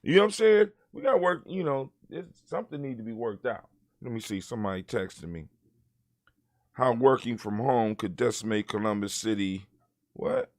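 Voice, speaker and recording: A man riffs on the day's news in a casual, profane rant, his pitch swinging widely as he gets worked up. The sound is dry and close. He reads articles aloud in between outbursts. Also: animated, moderate pace, darkish tone, dry recording. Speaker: podcast host.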